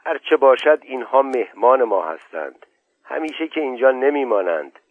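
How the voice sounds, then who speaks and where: A man's voice: mid-range voice, very animated, husky, no echo. A man voicing an older landowner who coaxes and placates his younger brother. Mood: coaxing. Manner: coaxing, persuasive. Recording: dull, dry lo-fi audio.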